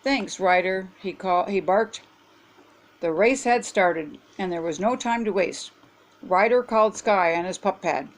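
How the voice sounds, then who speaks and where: An older woman hosting her own show, reading a children's picture book aloud in a gentle, animated way. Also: medium pitch, measured pace. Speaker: storybook reader.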